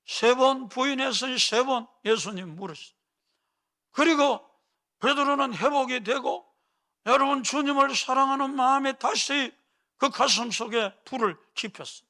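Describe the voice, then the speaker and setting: A male pastor preaching a fervent sermon, often calling out to the congregation and building to shouted peaks. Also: extremely high pitch, normal speed.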